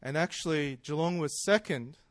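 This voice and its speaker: An Australian man in his 30s, his voice on the high side, preaches at a moderate pace. His personal storytelling sermon is conversational and self-deprecating, punctuated often by laughter. The recording has no echo.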